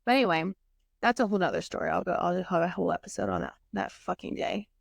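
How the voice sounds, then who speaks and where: A woman's voice: on the low side, sing-song, fast, vocal fry, no echo. A young woman hosting a podcast, telling a personal story candidly and emotionally, acting out what others said and swearing now and then. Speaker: podcast host.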